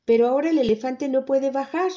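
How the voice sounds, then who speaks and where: A woman voicing a skeptical, know-it-all male fox student in a storybook, speaking slowly and doubtfully. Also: sits high, mellow, lo-fi sound, voice pushed up, lightly acted.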